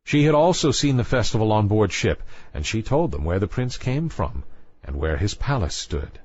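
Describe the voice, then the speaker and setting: In a fairly low voice, a man tells a children's fairy tale like a storyteller, his pitch swooping up and down with lively animation. He speaks at a normal pace, and the very dry recording has no echo but sounds slightly muffled and dull, with a lo-fi quality.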